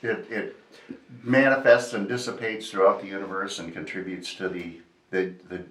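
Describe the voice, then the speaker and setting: A man's voice: low voice, steady tone, moderate pace, fairly bright tone, recorded from a distance. A man chatting casually while his mouth burns from spicy food. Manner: talking through a mouth burning from spicy food. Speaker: radio personality, challenge guest. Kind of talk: casual chat. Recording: echoey room, off the mic.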